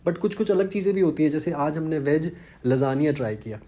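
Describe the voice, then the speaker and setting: A man's voice: a little high, brisk, mellow. A man, chatting casually in a vlog and poking fun at himself. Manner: chatty, self-deprecating, conversational. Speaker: vlogger.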